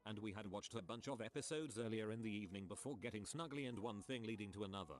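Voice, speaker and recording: A man reading posts aloud for a reaction video in a flat, matter-of-fact way. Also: on the low side, fast. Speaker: reader of online posts.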